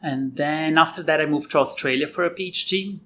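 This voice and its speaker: A Brazilian man in his thirties explains his path with a bright, forward tone and a steady sprinkle of "like". His English carries a Brazilian accent. A faint hiss sits under the recording. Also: fairly high pitch, brisk. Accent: Brazilian Portuguese. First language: Portuguese. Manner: frequent "like" fillers. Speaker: guest researcher. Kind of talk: casual interview answers.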